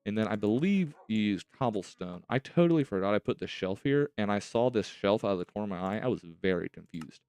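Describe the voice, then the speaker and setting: Low-voiced man with a slight retainer lisp. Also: lively intonation, brisk, few pauses, darkish tone, smooth, no echo. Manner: chatty, rambling, self-talk while playing. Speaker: host of a gaming series. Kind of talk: casual let's-play commentary.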